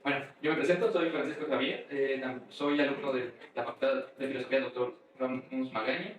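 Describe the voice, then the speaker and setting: A man's voice: mid-range voice, fairly even intonation, a little fast, slight background noise. Young man, distant echoey mic. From Uruapan, Mexico. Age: young adult. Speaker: guest student. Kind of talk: casual conversation.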